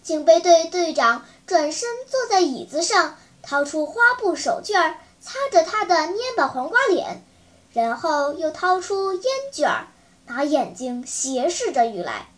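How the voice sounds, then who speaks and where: A woman's voice: high-pitched, sing-song, a little slow. A woman narrating a children's story in a vivid, dramatic storytelling manner. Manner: vivid, dramatic, clear enunciation.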